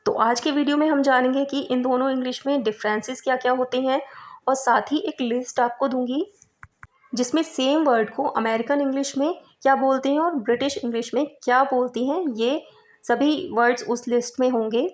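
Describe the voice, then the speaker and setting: A woman teaching an English vocabulary lesson who explains word differences, spells words out letter by letter and reads English sentences slowly and carefully. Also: sits high, a little mellow.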